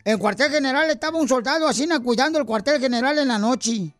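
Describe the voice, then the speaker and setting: A man's voice: extremely high pitch, fast talker, faint music behind. A man voicing a rowdy old male rancher comic who tells jokes, boisterous and slangy. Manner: boisterous, shouting catchphrases, slangy. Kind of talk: comedy sketch joke-telling.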